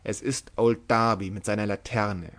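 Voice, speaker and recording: A man's voice: on the low side, fairly even intonation, moderate pace, fairly bright tone. A man reading an audiobook, voicing a gloomy, fatalistic sailor who speaks in a dull, hollow tone.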